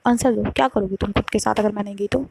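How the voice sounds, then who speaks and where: A woman's voice: medium pitch, steady tone, fast talker, gravelly, darkish tone, slight background noise, close to an everyday voice. A woman voicing a possessive, volatile young woman who insists on answers in a storytime love drama. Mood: demanding.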